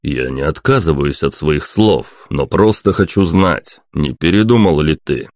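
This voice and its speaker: A composed detective who stays even and courteous under pressure, as the narrator puts him on. The voice is low and deep, read close and dry in a storybook audiobook. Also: male voice, measured pace, no room sound. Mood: calm. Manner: calm, polite. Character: adult man, cool-headed and smoothly polite detective.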